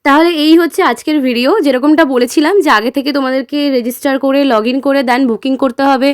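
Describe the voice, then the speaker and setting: Quick high-voiced woman explaining bookings. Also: fairly even intonation. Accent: Bengali. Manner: instructive, addresses viewers directly, many filler "ah"s. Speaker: travel vlogger. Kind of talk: voice-over explaining online booking.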